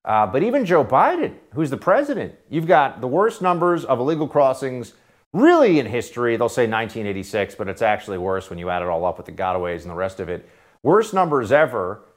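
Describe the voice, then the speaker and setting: A man's voice: medium pitch, big pitch swings, a little fast. Sarcastic man hosting talk radio. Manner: sarcastic, mocking, swings between loud jabs and quiet asides. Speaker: radio host. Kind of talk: political talk radio commentary.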